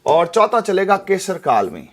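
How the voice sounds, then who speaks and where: High-voiced chatty teacher. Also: male voice, wildly swooping pitch, a little slow. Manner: chatty, repeats tag questions like "theek hai". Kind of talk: live exam-prep lesson.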